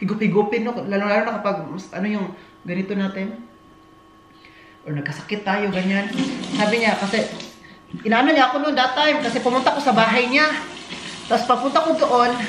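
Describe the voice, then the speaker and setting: A woman from the Philippines, rambling chattily as she cooks and talks to her viewers. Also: medium pitch. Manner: rambling, chatty, laughs often. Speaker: vlogger. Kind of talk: casual cooking chat. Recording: echoey room with loud background noise.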